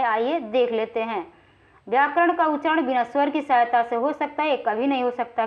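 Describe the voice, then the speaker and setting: High-voiced woman teaching grammar. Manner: explanatory, frequently checks in with "ठीक है" and draws vowels out when naming sounds. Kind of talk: exam-prep lecture, reading and explaining quiz questions. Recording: slightly dull, lo-fi recording.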